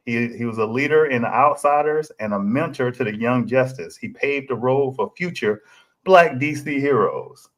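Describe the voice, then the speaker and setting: A man's voice: medium pitch, fairly bright tone. A man hosting a casual podcast chat, laid-back and often restarting his words. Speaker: podcast host. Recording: roomy echo.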